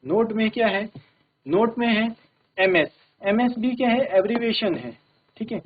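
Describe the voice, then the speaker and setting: A male English teacher, giving a classroom grammar lesson in a steady manner and often checking that everyone follows. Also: high voice, normal speed, a little hiss or hum. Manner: steady, repeats "ठीक है" to check understanding. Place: broadcast studio classroom. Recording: tinny phone-like audio.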